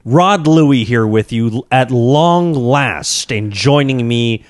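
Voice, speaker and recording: A man's voice: medium pitch, animated, takes it slowly, no echo, clean studio sound. An American man hosting a podcast in casual, jokey chat, with showman-like, exaggerated phrasing. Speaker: podcast host.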